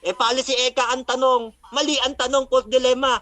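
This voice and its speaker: A man's voice: very high-pitched, level tone, brisk, bright, forceful tone. A man acting as a religious debater, mockingly recapping a debate, taunting his opponent and citing Bible verses.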